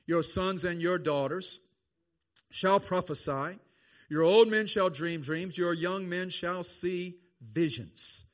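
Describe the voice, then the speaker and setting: A man's voice: fairly high pitch, a bit bright. A man preaching a sermon, stretching words out for emphasis.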